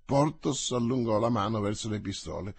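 A man narrating a novel aloud in a measured, theatrical way, as an audiobook reading for radio. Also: on the low side, gravelly, slightly rough, no room sound.

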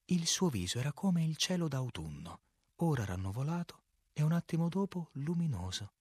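A man narrating a novel as an audiobook, reading in a measured, clear way and acting out the quoted lines. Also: fairly high pitch, big pitch swings, darkish tone, no echo, studio quality.

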